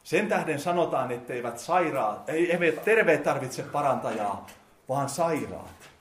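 A man preaching a sermon, talking directly to his listeners in casual speech and swinging between quiet and loud. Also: fairly high pitch, expressive. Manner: addresses listeners directly, colloquial. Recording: echoey hall.

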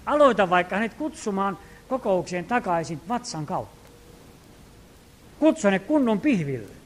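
High-voiced preaching man. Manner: earnest preaching with dramatic shifts between loud and hushed; acts out quoted prayers and commands. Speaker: pastor. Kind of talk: sermon.

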